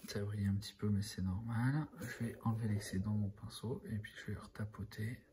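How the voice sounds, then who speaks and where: A man talking through a miniature painting tutorial in a relaxed, rambling way, full of fillers and dropping to a murmur while he works. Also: fairly low pitch, brisk, background noise.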